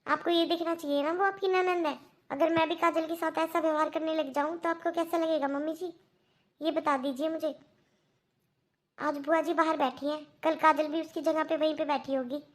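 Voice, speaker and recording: A woman's voice: high-pitched, steady tone, moderate pace, lightly acted. Woman voicing an earnest, firm daughter-in-law. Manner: earnest lecturing.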